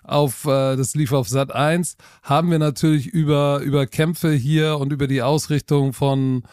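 A middle-aged German man, a football coach and TV expert, telling his story as a guest in a relaxed, self-deprecating way. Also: a little high, normal speed, clear, resonant tone, no room sound, studio quality. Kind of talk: casual interview talk.

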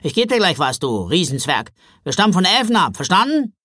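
Man doing a huffy, high Christmas elf. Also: very animated, a little fast, bright, forceful tone, no echo, studio quality, heavily acted. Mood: indignant. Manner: indignant, complaining. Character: cheeky tiny male Christmas elf, touchy and bored.

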